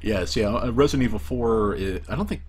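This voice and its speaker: Deep-voiced man chatting on a game stream. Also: fairly quick, a little mellow, slight background noise. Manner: chatty, rambling, with frequent restarts and laughs. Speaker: co-host of a gaming stream. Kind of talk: casual chat over gameplay.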